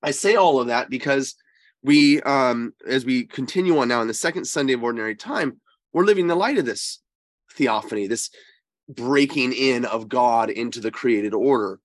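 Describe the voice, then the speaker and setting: A man who is a priest, slightly wheezy and congested with a cold, giving conversational religious teaching in an emphatic, halting way. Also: medium pitch, animated, no room sound. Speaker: priest and co-host.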